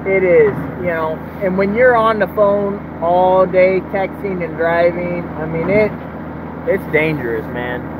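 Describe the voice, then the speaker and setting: A truck business owner in his thirties films a relaxed, rambling vlog from his cab, holding the phone at arm's length. His high-pitched voice moves a little slowly. The phone audio sounds narrow and tinny, with the engine running in the background.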